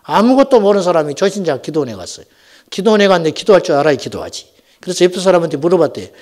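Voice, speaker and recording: A middle-aged man preaching a Friday night sermon as senior pastor, telling folksy stories and swinging from loud exhortation to hushed asides. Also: a little high, rapid-fire. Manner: animated, swings between shouting and near-whispering asides; folksy storytelling with acted quotes. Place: church sanctuary.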